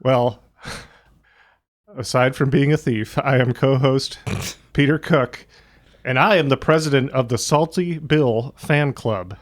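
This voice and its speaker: A man co-hosting a podcast and introducing a guest in casual chat, jokey, animated and quick to laugh. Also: mid-range voice. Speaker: podcast co-host.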